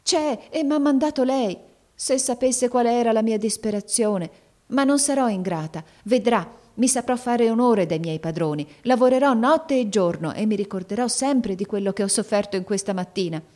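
A woman's voice: on the high side, moderate pace, darkish tone, pitched above the performer's own voice, lightly acted. A woman voicing a naive young servant girl in a storybook, speaking with a trembling, tearful voice. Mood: grateful.

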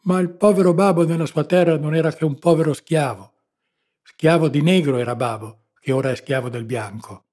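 A man's voice: fairly high pitch, fairly quick, a little mellow, voice pushed up, lightly acted. A man reading the part of a devoted male servant who murmurs deferentially. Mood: murmuring. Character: devoted male servant, soft-spoken and watchful.

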